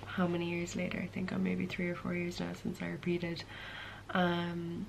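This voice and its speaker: Young west of Ireland woman, fairly flat intonation. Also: fairly low pitch, moderate pace, gravelly, noisy background. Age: early 20s. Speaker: content creator. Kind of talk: casual chat to camera, Q and A vlog.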